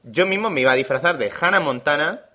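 A man with an accent from Spain co-hosting a gaming podcast, telling stories in an animated, blunt and frank way. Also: fairly high pitch, fast talker. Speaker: podcast co-host. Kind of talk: casual podcast chat.

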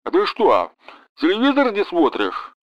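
Guy doing a chill southern russian businessman, chewing gum, um-ing a lot, lively pitch. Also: unhurried, dry recording, muffled recording, heavily acted. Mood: casual. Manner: casual, hesitant with fillers.

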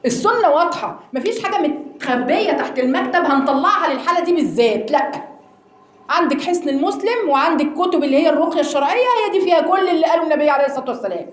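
An Egyptian woman teaching a religious lesson to a class of women, animated and asking them rhetorical questions. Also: sits high, rapid-fire, reverberant. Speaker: Quran teacher.

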